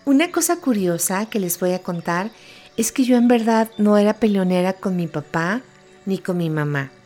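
A woman hosting a podcast, telling personal stories in a reflective, gently humorous way. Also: medium pitch, expressive, moderate pace. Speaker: podcast host. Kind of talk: personal storytelling monologue. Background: faint background music.

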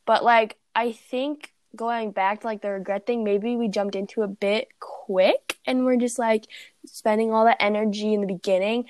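A woman's voice: fairly high pitch, fairly even intonation, normal speed, darkish tone, no room sound. A young woman co-hosting a podcast in casual chat, talking loosely with many fillers and frequent laughs. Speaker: podcast co-host. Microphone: recording remotely.

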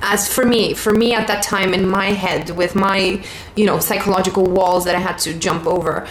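Actress in her 30s, reflective and good-humored, mid-pitched, faint background hiss. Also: fairly even intonation, moderate pace, low-quality recording. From Romania. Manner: thoughtful, laughs easily. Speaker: guest, theater actor. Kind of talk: casual interview chat. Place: rental apartment.

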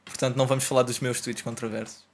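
A man's voice: medium pitch, level tone, quick pace, a little hiss or hum. A young man with a European Portuguese accent hosting a casual podcast chat in slangy, profane language. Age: young adult. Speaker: podcast host.

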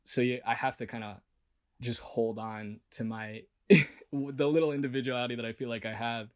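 Male voice actor, mid-pitched, chatty and rambling, honest interview tone. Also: steady tone, moderate pace. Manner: rambling, full of "like" and restarts; earnest and self-reflective. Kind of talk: casual interview talk.

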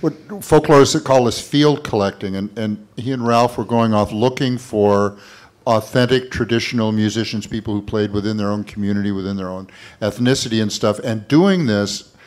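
Low-voiced man interviewing and explaining. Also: normal speed. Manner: explanatory, conversational. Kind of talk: unscripted explaining to an audience.

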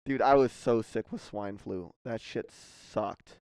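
A man's voice: lowish voice, slow pace, darkish tone, clear, resonant tone, dry recording, clean studio sound. A young man in casual chat among friends, laid-back, swearing freely and calling everyone dude and man.

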